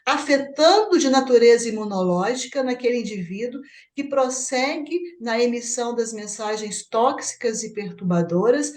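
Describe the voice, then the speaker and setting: A woman's voice: fairly high pitch, lively intonation, moderate pace, a little mellow. A Brazilian woman leading a spiritist book study, explaining a chapter and checking with her partner. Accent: Brazilian Portuguese. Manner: explanatory, asks partner for confirmation. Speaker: study group host.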